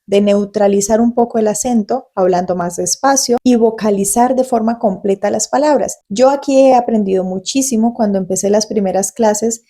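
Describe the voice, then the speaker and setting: Fast-talking Colombian woman with a mellow voice. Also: on the high side. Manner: speaks quickly and conversationally. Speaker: Spanish tutor and channel host. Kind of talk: casual talk to camera.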